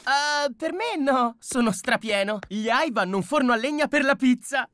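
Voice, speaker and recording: A man's voice: extremely high pitch, expressive, normal speed, a little hiss or hum. An actor voicing a cocky young male superhero leader in a cartoon, overdramatic and emphatic. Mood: sheepish, smug. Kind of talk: animated cartoon dub. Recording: loud music bed behind.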